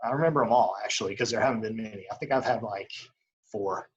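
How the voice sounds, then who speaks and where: A young man in a casual interview as an umpire, talking in a rambling, halting way full of filler phrases. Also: lowish voice, slightly rough, dull audio. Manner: rambling, halting, frequent "you know". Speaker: baseball umpire as interview guest. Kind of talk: casual chat.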